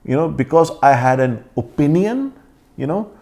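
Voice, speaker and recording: A man's voice: on the high side, animated, normal speed, dark tone. A man with an accent giving an indignant rebuttal vlog, confronting his critic directly. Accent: foreign accent. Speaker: vlogger.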